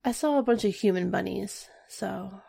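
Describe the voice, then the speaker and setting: A woman co-hosting a casual podcast chat, telling stories in an animated way. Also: medium pitch, moderate pace, creaky, breathy edge. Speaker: podcast co-host.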